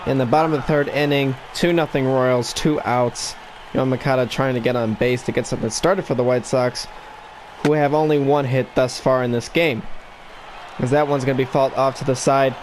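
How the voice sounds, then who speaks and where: A man with the hiccups narrates a baseball video game in a mock broadcaster voice, building excitement on the big plays. His pitch sits in an ordinary middle range. A faint hum of background noise lies under the recording. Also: moderate pace. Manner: broadcaster-style play-by-play delivery, rising excitement on big plays. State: has the hiccups. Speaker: gaming YouTuber.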